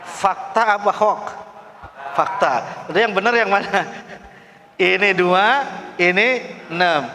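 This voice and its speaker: A middle-aged man leads a recitation class, calling out letters and coaxing his students to answer loudly. His voice sits a little high for a man and rings with a long reverb, like a hall or mosque. He speaks in a patient, drilling teacher's manner. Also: a little hiss or hum. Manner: drills students call-and-response, coaxing them to read loudly. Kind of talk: classroom tajwid lesson.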